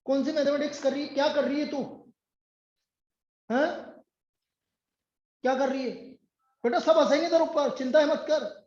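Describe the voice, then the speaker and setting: A male math tutor with a very high-pitched voice, stern and biting as he scolds a student. He is recorded in an echoey classroom on dull, muffled audio. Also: steady tone, normal speed, long pauses, darkish tone. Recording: echoey room, dull sound.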